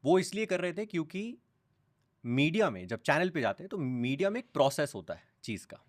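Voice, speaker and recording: A young man, a guest on a podcast, telling animated stories in a casual chat and mixing English phrases into his talk. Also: a little high, fairly quick. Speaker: news content creator, guest.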